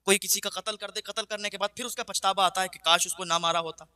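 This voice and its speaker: Male preacher, high bright voice, emotive storytelling with repeated phrases, dry close sound. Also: steady tone, smooth, no room sound. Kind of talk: storytelling sermon.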